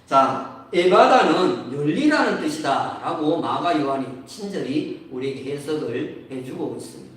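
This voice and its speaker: A Korean man preaching a Sunday sermon as pastor, explaining a scripture passage slowly. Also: on the high side, very animated. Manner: explains slowly, sings briefly. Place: church sanctuary. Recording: echoey church hall from far off.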